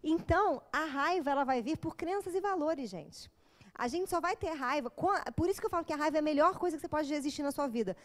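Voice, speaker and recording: High-voiced woman giving a lively talk. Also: fast. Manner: lively, joking, acts out little quoted scenes. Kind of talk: informal lecture to an audience.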